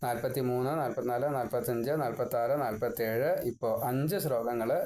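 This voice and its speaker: A man giving a devotional scripture discourse. He recites verse lines slowly and then explains each word, often repeating it. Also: mid-range voice, steady tone, a little mellow. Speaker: scripture teacher.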